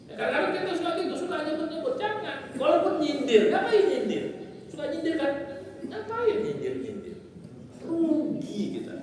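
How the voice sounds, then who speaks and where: Animated man preaching in an echoey hall. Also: extremely high pitch, moderate pace. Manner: animated, teasing the congregation with questions. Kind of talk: lively mosque sermon. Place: large echoing mosque hall. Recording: echoey hall, distant mic.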